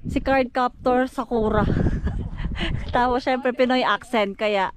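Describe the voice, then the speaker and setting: A woman with a Filipino accent strolls an outdoor flower farm, talking at an easy, drawn-out pace. She chats playfully and breaks into giggly asides. Faint outdoor noise sits under her voice. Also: on the high side. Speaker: travel vlogger. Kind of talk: casual travel vlog chat.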